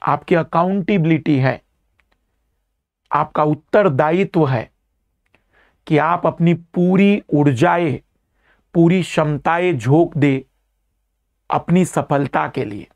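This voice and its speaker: A man's voice: on the high side, slow, long pauses. Emphatic male teacher explaining. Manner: explanatory, emphatic, repeats key terms. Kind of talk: live online exam-prep lecture.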